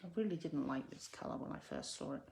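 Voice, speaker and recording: A woman's voice: deep voice, expressive, fast, vocal fry, a little mellow, slight background noise. A woman chatting her way through a card-making tutorial, self-deprecating and muttering to herself as she works. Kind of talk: casual crafting tutorial.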